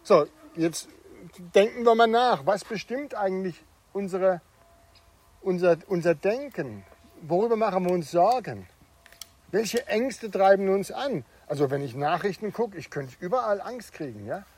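A middle-aged man preaching a sermon, chatty, with tag questions, swinging from hushed to emphatic. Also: high voice, animated, measured pace, slightly rough. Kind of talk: sermon with personal anecdote.

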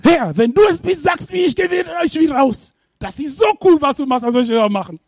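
A preacher putting on an eager, thrilled disciple. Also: male voice, extremely high pitch, animated, fairly quick, darkish tone, dry recording, studio quality, voice pushed up. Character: eager excitable male disciple on a boat.

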